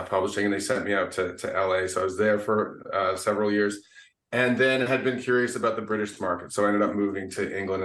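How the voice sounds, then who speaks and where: Low-voiced man, roomy and distant. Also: fairly bright tone. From Canada. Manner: thoughtful, unhurried, with frequent uh and restarts. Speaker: singer-songwriter guest. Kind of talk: casual interview chat.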